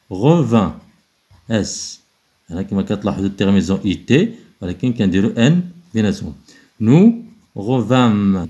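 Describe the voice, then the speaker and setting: A man with a Moroccan accent, teaching French exercises, alternating quick explanation with slow, spelled-out dictation. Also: fairly low pitch, mellow, dull audio.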